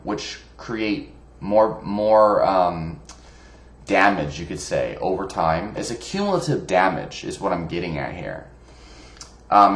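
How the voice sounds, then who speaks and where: A man talking casually about fitness in a rambling way, with many fillers and restarts. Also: on the low side. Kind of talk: casual monologue. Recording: echoey room.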